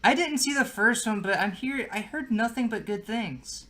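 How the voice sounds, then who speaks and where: A man's voice: sits high, animated, moderate pace, bright, forceful tone. A young man co-hosting a podcast, rambling casually with lots of fillers and swearing. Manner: rambling, filler-heavy, profane. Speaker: podcast co-host. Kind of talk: casual chat.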